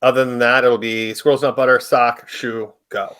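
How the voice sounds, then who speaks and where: A man in a casual podcast chat with a bright, forward voice at a middle pitch. He talks in a relaxed, hesitant way, leaning on fillers as he goes. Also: moderate pace. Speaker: podcast co-host.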